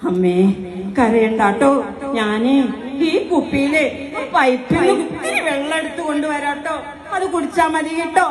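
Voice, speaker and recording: A woman's voice: high-pitched, normal speed, music in the background, crowd noise, lightly acted. A woman playing a kind homeless madwoman who comforts and looks after an old mother, in a comforting sing-song manner in a stage skit. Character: kind homeless madwoman, young, caring and protective. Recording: echoey hall, audience noise.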